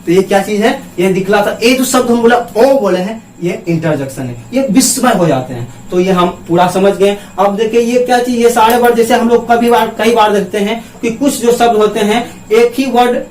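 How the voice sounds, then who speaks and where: A man's voice: high voice, normal speed, few pauses, darkish tone. A man teaching a grammar lesson at a board, asking his class questions and answering them himself. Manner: writes on a board with a marker. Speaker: English teacher. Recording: roomy, from some distance.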